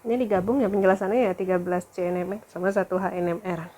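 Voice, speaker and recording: A woman's voice: lowish voice, steady tone, quick pace, dark tone. A woman lecturer talking through a recorded lesson, thinking aloud with fillers and corrections.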